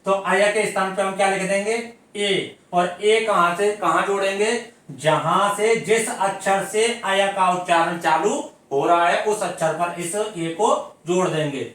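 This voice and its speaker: A man with a fairly high voice teaches at an unhurried pace, posing questions to the class and answering them himself. He stretches example words out syllable by syllable. The recording is very echoey, with the voice picked up from some distance from the mic. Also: fairly bright tone. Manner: explains step by step, asking questions and answering them. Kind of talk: Hindi grammar lesson. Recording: very echoey room, voice from away from the mic.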